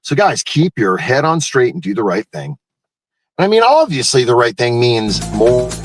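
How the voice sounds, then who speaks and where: A man's voice: medium pitch, very animated, moderate pace, no room sound, soft background music. A man hosting a live morning show in a casual, folksy, rambling way, wandering from one thought to the next.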